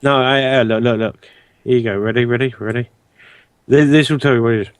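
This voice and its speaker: A man's voice: medium pitch, fairly even intonation, a little fast, clear, resonant tone, dry recording. A man bantering casually and swearing as a player in a tabletop game.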